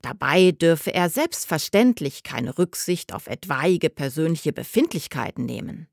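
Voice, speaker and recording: Woman audiobook narrator, expressive, lower voice, lively pitch, dry studio sound. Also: gravelly, no echo. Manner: expressive, measured storytelling. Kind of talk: scripted narration.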